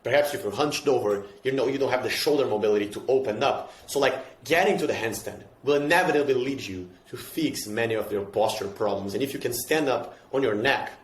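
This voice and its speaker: A man's voice: mid-range voice, a little fast, few pauses, reverberant. A man with a Brazilian accent explaining fitness ideas casually and emphatically, often repeating himself and asking rhetorical questions.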